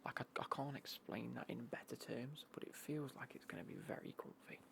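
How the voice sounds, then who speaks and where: A British man whispering in a casual, rambling ASMR unboxing style, breathy and hushed, with dry, understated commentary. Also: fairly even intonation, fairly quick. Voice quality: breathy, hushed whisper with creaky low murmur. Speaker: ASMR vlogger showing golf clothing.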